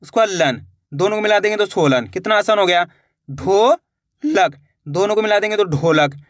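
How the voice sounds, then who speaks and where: A man teaching beginners to read, sounding out words slowly syllable by syllable and answering his own questions. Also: high voice, expressive, fairly bright tone, dry recording, studio quality. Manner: slow, patient syllable-by-syllable sounding out; asks the viewer questions and answers them himself. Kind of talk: reading lesson for beginners.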